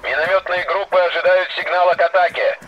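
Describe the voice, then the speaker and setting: Commander ordering troops over a walkie-talkie. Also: male voice, high voice, fast, dull audio. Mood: commanding. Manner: clipped, formal military radio protocol. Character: male squad commander calling orders by radio. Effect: heard over a walkie-talkie radio. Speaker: military commander giving orders. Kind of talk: scripted game voice acting. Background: game music.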